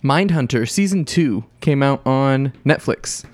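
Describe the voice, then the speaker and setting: A man hosting a podcast, bantering playfully and teasing his co-host with quick intros. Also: mid-range voice, expressive, darkish tone, no room sound. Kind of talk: casual banter.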